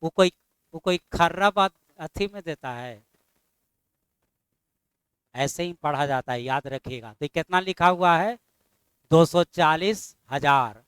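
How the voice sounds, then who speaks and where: A middle-aged man teaching a math class, firing constant questions at his students and scolding them mildly when they are slow. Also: a little high, fairly bright tone, clean tone, no echo.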